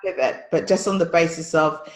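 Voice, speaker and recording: A woman's voice: on the low side, steady tone, brisk, a little mellow. Chatty London woman, echoey room. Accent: London English. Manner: chatty, laughs easily. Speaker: podcast co-host. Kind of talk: casual chat.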